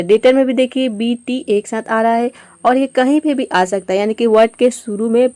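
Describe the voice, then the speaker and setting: Woman from India, patient step-by-step teacher, higher voice, dry close sound. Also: mellow, no room sound. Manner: patient step-by-step explaining, mixing English words into Hindi. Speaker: English teacher. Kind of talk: explaining an online lesson.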